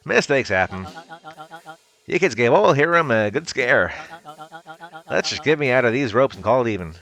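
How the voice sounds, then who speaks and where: A man voicing a scheming, smooth-talking older townsman in a folksy, coaxing manner while reading a story game aloud. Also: mid-range voice, big pitch swings, normal speed, fairly bright tone, soft background music.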